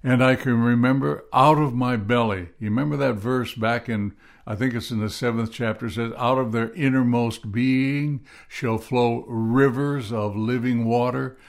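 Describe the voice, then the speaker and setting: Middle-aged guy preaching on a podcast, gravelly voice, earnest and reflective, slows way down for verses. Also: mid-range voice, fairly even intonation. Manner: earnest, reflective, quotes scripture slowly. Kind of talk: devotional podcast teaching.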